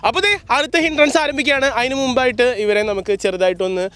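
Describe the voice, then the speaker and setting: A man's voice: very high voice, animated, racing, fairly bright tone, smooth, no echo. A man hosting a challenge video, playful and teasing, hyping the contestants with sung sound effects. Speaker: host running an ice sofa challenge.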